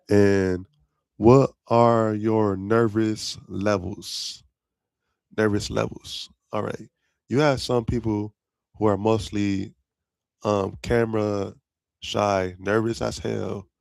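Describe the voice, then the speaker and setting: Gravelly young man rambling on a podcast. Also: fairly low pitch, a little mellow, dry recording, studio quality. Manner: rambling and slangy, laughs often at his own jokes. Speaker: podcast host. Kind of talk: casual solo podcast chat.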